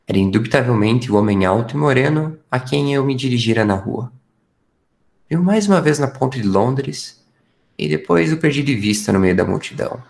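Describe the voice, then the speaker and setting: A man's voice: mid-range voice, expressive, moderate pace, gravelly, a little mellow. A man playing a detective's earnest, impressionable companion in a radio drama, recounting findings expressively. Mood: intent, convinced.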